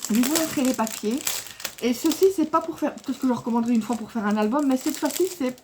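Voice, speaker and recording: A woman chats casually to camera about her craft supplies in a slightly high voice. She rambles and loses her thread, fills gaps with hesitations and laughs often. A faint hiss sits behind her voice. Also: fast, darkish tone. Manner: rambling and chatty, with many fillers and restarts; laughs often while talking. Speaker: scrapbooking vlogger showing a craft haul.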